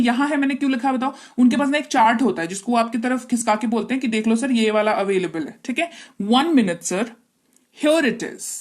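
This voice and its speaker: A woman teacher with an Indian accent and Hindi as her first language, with a fairly high voice. She walks through sample dialogues at a deliberate, unhurried pace. She acts out the lines slowly and pauses often to check that everyone follows. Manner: slow, deliberate, keeps checking understanding. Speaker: English teacher. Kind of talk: bilingual classroom lesson, explaining slowly.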